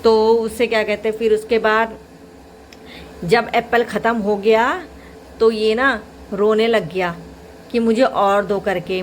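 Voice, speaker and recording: A young woman with a slightly high voice, chatting to the camera in a casual daily vlog. She talks easily and at length about her day and her baby son while she cooks and cleans. She records at home in her kitchen. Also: a little hiss or hum. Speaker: vlogger and mother.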